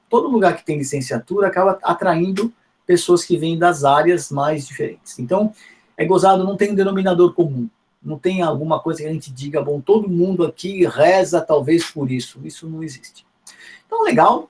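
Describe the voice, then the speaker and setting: Paulistano professor, conversational lecture. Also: male voice, on the high side, darkish tone. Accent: Paulistano Portuguese. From São Paulo, Brazil. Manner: conversational, frequent tag questions and restarts. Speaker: guest lecturer, physics education professor. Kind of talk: university lecture.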